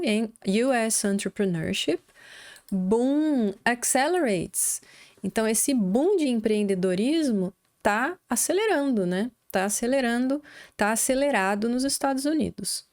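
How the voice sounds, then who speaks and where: A woman's voice: fairly high pitch, a little mellow. Brazilian woman teaching English. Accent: Brazilian Portuguese. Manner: explains patiently, spells out English words slowly syllable by syllable. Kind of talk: online English lesson in Portuguese.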